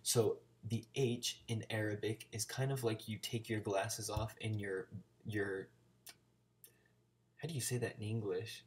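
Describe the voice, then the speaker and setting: A man's voice: on the low side, fairly even intonation, unhurried. An American man talking casually in a vlog, chattily sounding out Arabic words as a learner. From United States. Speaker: language-learning vlogger.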